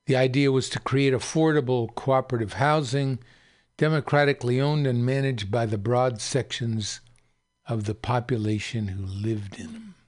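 A man hosting a radio show, reading aloud and commenting in a deliberate, emphatic way. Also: mid-range voice. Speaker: radio host.

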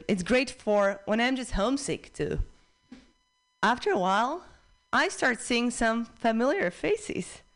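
A young woman from the Czech Republic with a Czech accent, doing a stand-up set at a comedy club in a dry, deadpan way. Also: mid-range voice.

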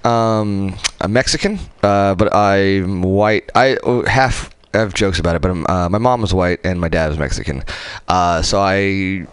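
A man's voice: low-pitched, unhurried, smooth, no room sound. A man in his thirties from Southern California, chatting casually and self-deprecatingly as a radio guest. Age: 30s.

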